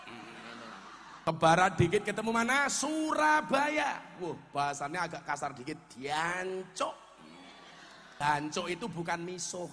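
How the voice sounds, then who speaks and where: A Javanese-accented male preacher delivers a comic sermon in a forceful, high voice. He is animated, slips into regional dialects and shouts out his punchlines. The sound rings with a long hall reverb over a faint noise floor. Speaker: Islamic preacher. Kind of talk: humorous sermon.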